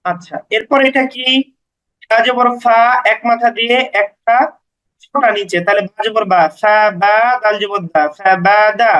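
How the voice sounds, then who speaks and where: A man's voice: sits high, fairly even intonation, normal speed, a bit bright, poor audio. A man teaching beginners to read the Quran, spelling out each letter and vowel mark syllable by syllable with patient, brief explanations.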